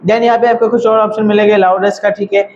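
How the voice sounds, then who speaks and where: A man's voice: high voice, flat delivery, fast talker, darkish tone, lo-fi sound, a little hiss or hum. A man teaching audio editing in a casual screen-recorded tutorial, chatty and repetitive. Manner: chatty, repeats "thik hai" and "bhai".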